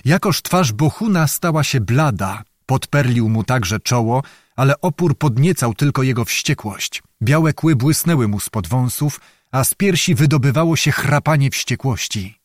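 A man reading a historical novel aloud in measured, dramatic scripted narration. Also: medium pitch, animated, no room sound, studio quality. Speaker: audiobook narrator.

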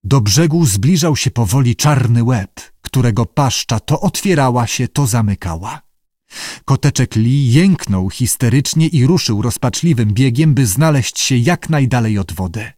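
Spokojny lektor czytający powieść. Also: male voice, mid-range voice, animated, a little slow, a little mellow, no room sound, clean studio sound. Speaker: audiobook narrator. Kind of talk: scripted narration.

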